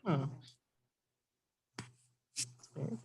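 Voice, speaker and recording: A staff member speaking on a video call into a computer mic whose sound comes through muffled and hollow, as if from inside a barrel, fading in and out. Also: drawn-out words. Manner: faint, fading in and out. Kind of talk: speaking at a public meeting.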